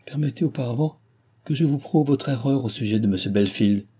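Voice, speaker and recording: A man's voice: medium pitch, fairly quick, warm tone, breathy edge, voice pushed up, lightly acted. A man reading aloud, voicing a proud young heiress who answers coldly and firmly. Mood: cool, firm. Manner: cold, clipped replies.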